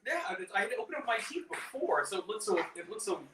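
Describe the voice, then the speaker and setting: A man's voice: high voice, sing-song, quick pace. A man trading casual comic banter on a cooking show, with the playful, sassy manner of a campy drag queen. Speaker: co-host helping with cooking. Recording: roomy distant mic, faint noise.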